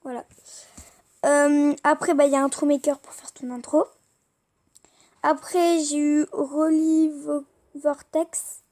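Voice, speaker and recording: A woman's voice: high voice, flat delivery, slow, long pauses, dark tone. A young French-speaking woman rambling hesitantly with many fillers as she shows the apps on her tablet. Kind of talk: casual screen-recorded chat.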